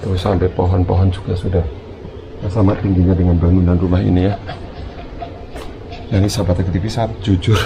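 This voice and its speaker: A man with a low voice narrates a casual exploration vlog for his viewers outdoors around an overgrown empty house, sounding hesitant and uneasy. He speaks a little fast with flat delivery, vocal fry, and long pauses. The channel host's handheld outdoor recording is noisy, with an ambient hum.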